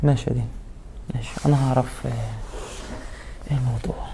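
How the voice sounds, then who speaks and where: A man's voice: medium pitch, steady tone, very fast, vocal fry, background noise, lightly acted. An actor playing a young husband torn between his mother and wife, with an Egyptian Arabic accent and an earnest, confrontational manner. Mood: hurt. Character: torn husband and son, young man, quick to anger. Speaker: actor in a web drama.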